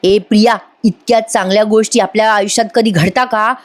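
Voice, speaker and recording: A woman's voice: medium pitch, steady tone, brisk, close to an everyday voice. A woman voicing a nervous young male accomplice who delivers bad news urgently. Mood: grim.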